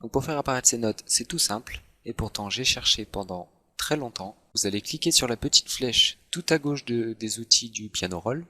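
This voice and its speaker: A man calmly walking through software steps in a screen-recorded tutorial, with self-mocking asides. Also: mid-range voice, normal speed, few pauses. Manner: relaxed step-by-step explaining, self-mocking asides. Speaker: tutorial host.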